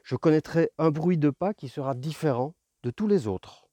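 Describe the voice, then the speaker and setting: A man's voice: on the high side, lively intonation, dark tone, no room sound. A man voicing a lonely, patient fox who talks earnestly and pleads for friendship. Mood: wistful. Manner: earnest, pleading, explains slowly.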